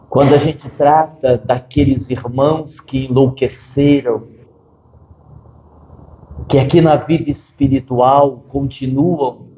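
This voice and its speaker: A man, a medium, speaking as a spirit doctor in a channeled interview, measured and given to dry humor. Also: mid-range voice, dark tone, echoey room, highs cut off.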